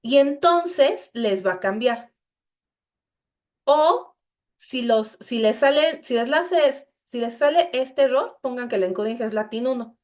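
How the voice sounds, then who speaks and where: Higher-pitched woman teaching coding. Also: expressive, unhurried. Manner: explanatory, addresses students directly with frequent "entonces". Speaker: instructor. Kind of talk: screen-share coding lesson.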